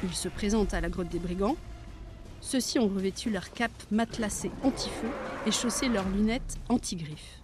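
A woman reading a children's story aloud in a lively, playful way. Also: medium pitch, normal speed. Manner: lively, playful, acting out many voices. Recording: soft music bed.

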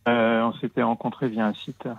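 Gravelly hesitant man on a phone line. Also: medium pitch, level tone, no echo. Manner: halting, many fillers and restarts. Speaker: caller. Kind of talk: hesitant personal confiding on a call-in show.

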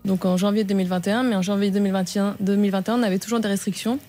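A woman talks fast as she recounts her story on a radio show. She hesitates often, restarting her sentences and filling pauses. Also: mid-range voice, fairly even intonation, dark tone, faint music behind. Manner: hesitant, many fillers and restarts. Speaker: caller with a consumer complaint. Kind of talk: casual telling of her story.

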